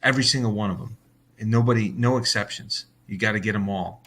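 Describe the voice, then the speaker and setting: A man's voice: on the low side, fast talker, fairly bright tone, a little hiss or hum. An American man hosting a daily bible reading, talking in a heated, blunt way with swearing and many restarts. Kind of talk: ranting casual monologue.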